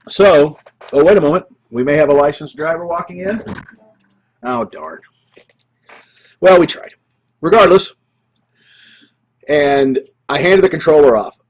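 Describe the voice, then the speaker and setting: A man's voice: mid-range voice, slightly rough, highs cut off. A man in his thirties, a streaming show host, telling rambling gaming stories in casual chat with chuckles and restarts. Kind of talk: casual gaming story monologue.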